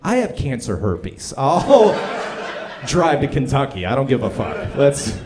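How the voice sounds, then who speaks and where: A man's voice: mid-range voice, a little slow, background noise. A man doing a stand-up comedy set on a club stage, telling a story and acting out the voices of the people in it. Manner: animated storytelling, acts out voices.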